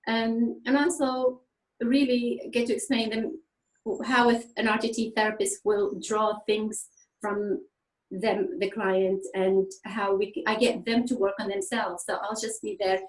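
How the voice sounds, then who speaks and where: A woman from Tunisia, raised speaking French and Arabic, talks about her therapy practice in a loose, conversational way. Her pitch sits in an ordinary middle range, and she laughs often and leans on fillers. The room around her is echoey. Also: measured pace. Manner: animated, laughs often, many fillers like "kind of like". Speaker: therapist guest. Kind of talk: conversational explanation.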